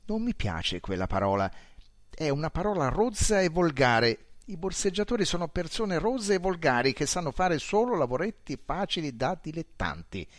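A sly little rat-eyed pickpocket, as a male reader puts him on, smug and proud of his quick fingers. The voice sits raised and lively, swinging up and down as he gloats over his loot. It is read close and dry, with no room sound around it. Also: fairly high pitch, no room sound, voice pushed up. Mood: disdainful. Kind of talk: audiobook character voice.

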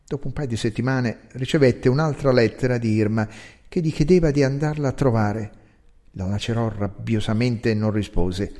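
A man narrating a literary story in a measured, expressive reading. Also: medium pitch. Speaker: audiobook narrator.

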